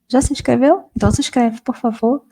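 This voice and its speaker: A woman whose first language is Portuguese, teaching a casual beginner English lesson and reading English example sentences slowly. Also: a little high, steady tone, mellow, husky. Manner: chatty, informal, slows down to model English sentences.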